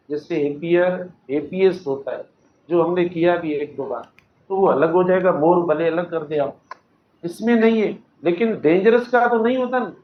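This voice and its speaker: A man with a Sindhi accent teaching English grammar, patiently explaining and slowly repeating example sentences while quizzing his students. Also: high voice. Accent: Sindhi-accented Urdu. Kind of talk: classroom grammar lecture. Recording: echoey classroom, dull lo-fi recording with faint noise.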